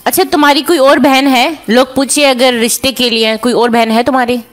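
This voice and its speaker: A high-pitched woman from Pakistan in a heated live-stream argument. She needles her opponent, cuts in, and keeps pressing her questions. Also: fairly even intonation, brisk. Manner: argumentative, needling, talks over the other.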